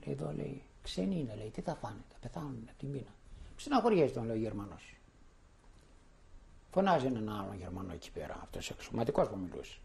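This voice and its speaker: Sharing his recollections as spoken testimony, an older man from Thessaloniki, Greece speaks in a warm mid-range voice with vocal fry. He's a lively storyteller who performs the voices of those he quotes.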